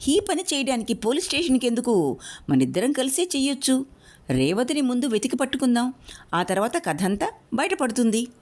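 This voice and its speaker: A woman's voice: on the high side, big pitch swings, brisk, a little mellow, pitched above the performer's own voice. Woman voicing sly young man, wheedling, apologetic, storybook.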